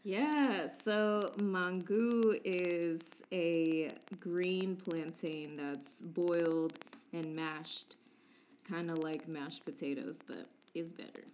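A woman co-hosts a relaxed conversation, chatty and quick to laugh, pressing on words for playful emphasis. She speaks at an unhurried pace in a somewhat low register. A faint hiss sits under the recording. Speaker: podcast co-host. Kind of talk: casual chat.

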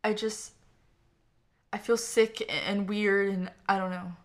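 A jittery young groom-to-be blurts out his fears in a hurried, groaning voice, as a woman narrator plays him. He sounds queasy and on edge in this audiobook scene. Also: medium pitch, fairly even intonation, lightly acted. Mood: anxious. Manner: rushed, shaky, groaning. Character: anxious young groom-to-be, nervous and sick.

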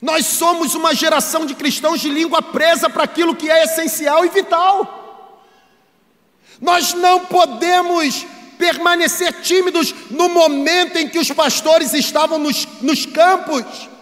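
A Brazilian man preaches a sermon to a congregation in a very high, fairly bright voice, speaking emphatically and piling up repeated phrases for rhetorical weight. His intonation is fairly even and unhurried, and the long reverb of a large hall rings around him.

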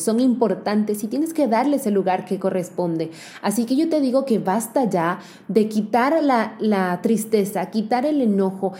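Woman coach talking straight to you, earnest, mellow dark tone, slows way down on the big words. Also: medium pitch. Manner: addresses the listener directly and warmly. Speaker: motivational speaker for women. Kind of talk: earnest motivational address to women.

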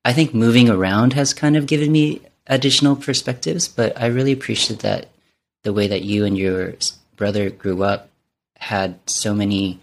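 A man's voice: on the low side, fairly even intonation, moderate pace. A man from Vietnam interviewing a guest in a casual conversation, with encouraging affirmations.

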